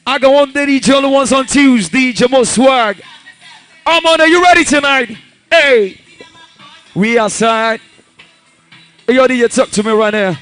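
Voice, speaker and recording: A Nigerian man MCs a live event in a very high-pitched voice, with music playing behind him. He hypes the room with punchy promo call-outs and short chants on the microphone. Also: fairly bright tone. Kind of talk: live crowd hyping on a microphone at a radio station's event. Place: lounge event.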